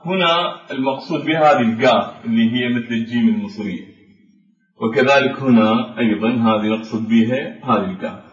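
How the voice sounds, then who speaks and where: Man, lecture, measured explanatory delivery, frequent pauses, echoey room. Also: mid-range voice. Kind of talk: spoken lecture on Arabic phonetics. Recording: dull lo-fi recording in an echoey room.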